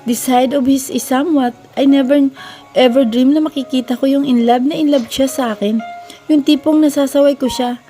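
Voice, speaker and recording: A woman's voice: sits high, fairly even intonation, normal speed, mellow, faint music behind. A woman narrating a first-person romance story in a conversational, mixed-language reading style.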